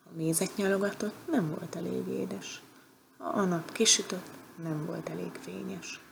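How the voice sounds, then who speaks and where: A woman reading a rhymed children's tale aloud, soft and dropping to a whisper in places. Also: fairly low pitch, creaky, slight background noise. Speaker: storyteller.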